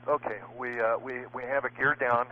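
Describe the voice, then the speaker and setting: A man talks as a pilot over the radio, calling air traffic control alone during an emergency. His speech halts and restarts, full of fillers. The transmission is thin and tinny, and his pitch sits in an ordinary middle range. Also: level tone. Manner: hesitant, halting, with many fillers. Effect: pilot heard over an air traffic radio.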